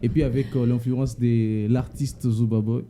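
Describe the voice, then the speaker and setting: Very mellow Congolese male interviewer, halting delivery. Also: mid-range voice, flat delivery. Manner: halting, repeats words. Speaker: interviewer, host. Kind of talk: interview questioning.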